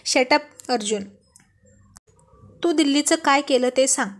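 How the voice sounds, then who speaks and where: Fiery hurt young wife voiced by a woman storyteller, sharp, scolding, high voice, storybook reading. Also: unhurried. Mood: angry.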